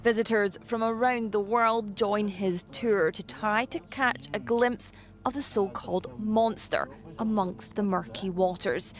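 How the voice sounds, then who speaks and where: A woman's voice: mid-range voice, a little slow. A woman reading scripted narration for a news feature. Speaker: news reporter.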